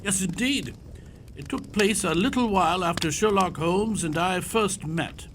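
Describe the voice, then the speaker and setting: A man playing a genial elderly Doctor Watson in audio theatre, a courtly Victorian gentleman telling his memories. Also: high-pitched, unhurried, a little hiss or hum. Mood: reminiscing. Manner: courtly, old-fashioned turns of phrase.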